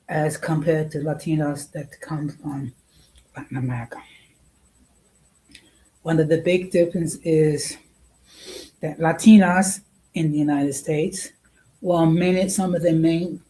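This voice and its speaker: Hosting an informal opinion talk for an audience, a woman speaks in a slightly low, relaxed voice. She goes very slowly and deliberately, halting often and repeating phrases to drive her point home, and the recording is rough.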